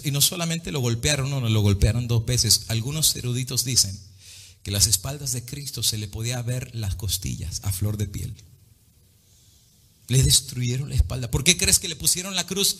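A man preaching a dramatic sermon, swinging between loud and hushed, slipping into English now and then. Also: mid-range voice, animated, normal speed, long pauses, breathy edge.

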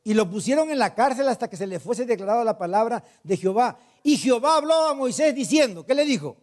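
Male pastor with a high voice, preaching emphatically and quizzing the congregation. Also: fast talker. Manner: asks the congregation questions and answers them himself; retells scripture with emphatic, animated delivery. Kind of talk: sermon.

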